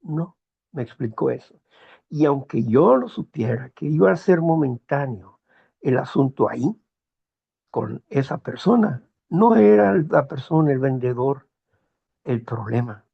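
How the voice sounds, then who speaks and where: Slow, gravelly-voiced man. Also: mid-range voice, big pitch swings, lo-fi sound. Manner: slow, measured, moralizing with personal anecdotes. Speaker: host of a morning talk program. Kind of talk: reflective monologue.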